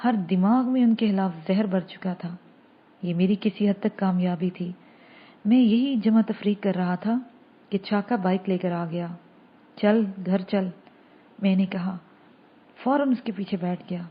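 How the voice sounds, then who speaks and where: A woman reading a novel aloud in steady first-person scripted narration. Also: medium pitch, slightly rough, dull audio. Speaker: audiobook narrator.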